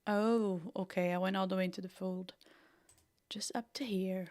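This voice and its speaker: With a mid-range, somewhat dark voice, a steady tone and a moderate pace, a young Brazilian woman runs a chatty livestream design tutorial. She mutters to herself and thinks aloud as she works, her Brazilian accent mixed with a Northern Irish one.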